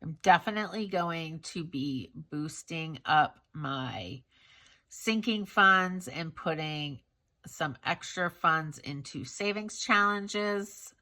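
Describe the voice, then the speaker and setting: Slow, bright-voiced congested woman. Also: fairly low pitch. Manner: candid, self-critical, chatty with fillers. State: congested from a cold. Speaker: budgeting vlogger. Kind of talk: casual budget vlog.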